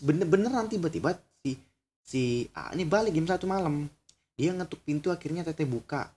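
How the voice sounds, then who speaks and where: Husky young man telling a horror story. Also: fairly high pitch, expressive, brisk, darkish tone. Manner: chatty asides and crude exclamations between retold lines.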